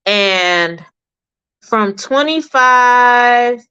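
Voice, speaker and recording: Woman, 30s, livestream host, unhurried, rambling candid storytelling, lo-fi stream sound. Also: fairly high pitch, animated, sharp tone, smooth. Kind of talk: casual personal livestream chat. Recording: dull lo-fi livestream audio.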